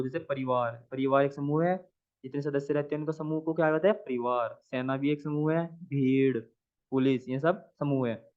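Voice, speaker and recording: Man repeating answers over a tinny line. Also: on the high side. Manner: repeats each question and answer several times; asks the viewer questions, then answers them. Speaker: Hindi exam tutor. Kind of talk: exam practice lesson. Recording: tinny phone-like audio.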